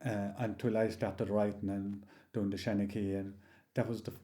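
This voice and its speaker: A man in his sixties with a rural County Limerick Irish accent, telling anecdotes in a halting, rambling, casual way. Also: lowish voice, little pitch movement, warm tone. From County Limerick, Ireland. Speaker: interview guest, local storyteller. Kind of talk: oral history reminiscence, casual storytelling.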